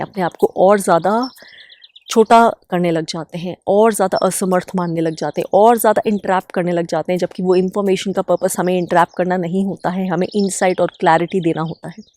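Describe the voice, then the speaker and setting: A woman's voice: on the low side, darkish tone. A woman from India who hosts an inner-healing channel, giving a spontaneous, earnest self-help talk and repeating phrases for emphasis.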